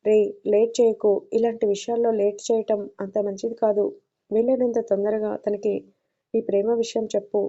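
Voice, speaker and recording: Woman plays a gentle, advising uncle, mellow and monotone, muffled storybook audio. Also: medium pitch, moderate pace, close to an everyday voice. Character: caring worried middle-aged uncle.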